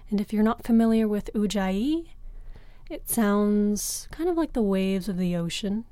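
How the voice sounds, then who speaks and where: Slow, soft-spoken woman guiding meditation. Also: mid-range voice, smooth, dry recording. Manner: slow, soft and soothing, with long pauses. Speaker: yoga and meditation teacher. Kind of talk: guided breathing meditation.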